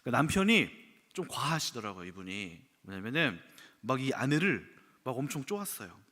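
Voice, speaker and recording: A man, a pastor, preaching a sermon with animated storytelling and acted-out quotes. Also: medium pitch, normal speed. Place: church sanctuary. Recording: long church hall reverb.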